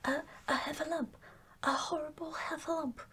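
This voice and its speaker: A woman's voice: on the high side, steady tone, slow, gravelly, slightly rough, pitched above the performer's own voice, full character voice. A woman voicing a small, timid, easily panicked male piglet in a whispered bedtime story, stammering and repeating words.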